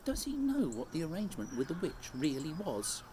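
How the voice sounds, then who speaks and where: An earnest, insistent young girl from a storybook , voiced by a man, pitched well up and impatient. The recording is homemade, with clear noise behind. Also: wildly swooping pitch, moderate pace. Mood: concerned, insistent. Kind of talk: storybook character voice.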